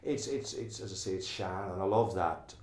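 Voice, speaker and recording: A man's voice: sits low, normal speed, darkish tone, roomy sound. A middle-aged man from Donegal with an Irish accent, talking earnestly in an oral history interview and often restarting his sentences. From Ireland.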